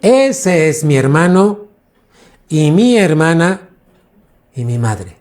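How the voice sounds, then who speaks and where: A pastor teaching a sermon in a slow, deliberate way. His voice is dark and mellow. He stretches key words and throws questions at the congregation. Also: on the high side, very animated. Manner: preaching with questions to the congregation, drawn-out emphasis.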